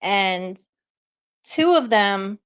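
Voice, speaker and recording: A woman chatting as a guest artist on a live online audio show, animated and self-deprecating, laughing often and a bit out of breath. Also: mid-range voice, drawn-out words, clean tone, lo-fi sound. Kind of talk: casual chat on a live audio space.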